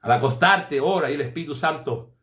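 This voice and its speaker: A fairly high-voiced man preaches with fervent, emphatic conviction, hammering home repeated phrases. His sermon rings through a reverberant room. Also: a little fast, fairly bright tone.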